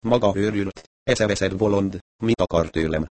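A man's voice: low-pitched, darkish tone, no room sound, lightly acted. A man voicing a terrified, ragged old male vagrant who babbles and sobs in panic. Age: older.

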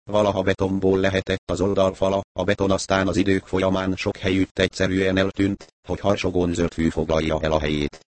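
A man narrating a story as an audiobook reader, in a measured, even manner. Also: sits low, no echo. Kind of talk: audiobook reading.

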